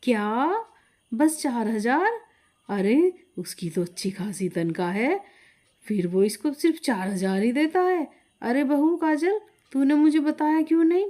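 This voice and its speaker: A woman voicing a stern older mother-in-law who scolds, lower and heavier than her narration. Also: big pitch swings, slow, a little mellow. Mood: indignant.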